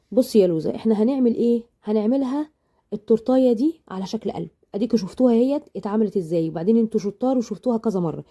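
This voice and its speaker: With a warm, mid-range voice roughened a bit by a lingering sinus illness, an Egyptian woman teaches a laid-back baking tutorial. She talks affectionately and rambles into side comments along the way.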